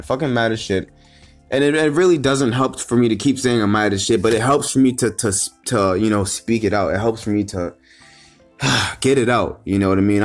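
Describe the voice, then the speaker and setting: A man delivering a heated, unscripted motivational rant. He swears constantly, repeats himself and restarts his sentences, and builds to loud, emphatic bursts. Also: medium pitch. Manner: profane, repetitive and rambling, with frequent restarts. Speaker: motivational vlogger.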